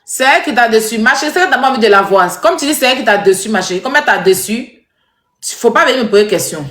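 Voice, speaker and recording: A woman giving animated, scolding commentary straight to her viewers. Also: a little high, fast talker. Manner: animated, scolding, repetitive, addresses viewers directly. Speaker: social media commentator. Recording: echoey room.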